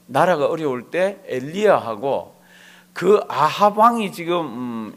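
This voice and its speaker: Animated male pastor preaching a sermon. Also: on the high side. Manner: animated, asks the congregation rhetorical questions. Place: church before a live congregation.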